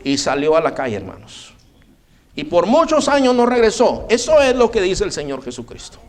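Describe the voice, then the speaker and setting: Male pastor, fairly high voice, storytelling sermon delivery. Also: huge pitch swings, normal speed, darkish tone. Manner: storytelling, addresses listeners as brother.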